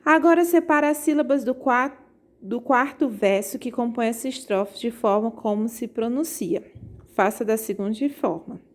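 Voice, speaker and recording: A woman teaching a poetry lesson to her students, explaining step by step and often checking in with them. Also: on the high side. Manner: explains slowly, checks in with "tá certo?"; reads verses aloud slowly. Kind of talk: remote class lesson.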